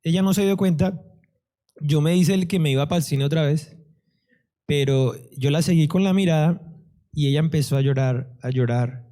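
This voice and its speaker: A man giving a church testimony, telling his story in a lively way and acting out what people said. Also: fairly high pitch, moderate pace. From Colombia. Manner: animated storyteller, acts out dialogue. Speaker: testimony speaker.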